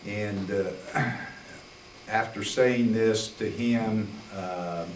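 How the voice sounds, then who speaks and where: An older man recounting his memories in a rambling public talk, full of fillers and throat clearing, heard from a distance in a library meeting room. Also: on the low side, fairly even intonation, very slow. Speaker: guest speaker, attorney. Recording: roomy, distant, faint hiss.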